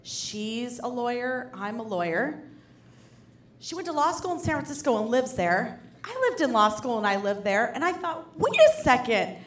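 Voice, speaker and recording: Young female stand-up, wry and self-deprecating, higher voice, roomy club sound. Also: sing-song, normal speed, a little hiss or hum. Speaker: stand-up comedian. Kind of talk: stand-up comedy set. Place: comedy club stage. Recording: echoey club room.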